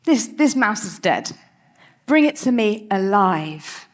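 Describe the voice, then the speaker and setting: A woman's voice: mid-range voice, very animated, slow. A woman putting on the voice of a demanding pet cat that talks in a fussy, imperious way. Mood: disdainful.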